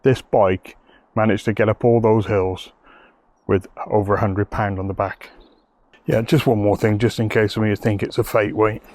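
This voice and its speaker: A man's voice: lowish voice, flat delivery, moderate pace, darkish tone, dry recording. A man giving a chatty, enthusiastic bike review outdoors, rambling a little as he talks. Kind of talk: casual video review.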